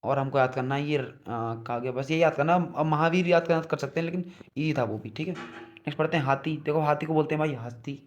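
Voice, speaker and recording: A young man teaching an online exam-prep lesson, repeating each word and often asking the listeners, whom he calls brother, whether it is clear. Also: fairly high pitch, fairly quick, a little hiss or hum. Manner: repeats words and checks understanding often.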